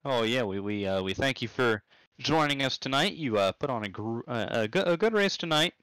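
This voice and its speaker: A man's voice: medium pitch, a little fast, smooth, no room sound, rough recording. A man commentating and interviewing a driver in a chatty, stumbling casual way. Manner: lively, chatty, stumbles and repeats words.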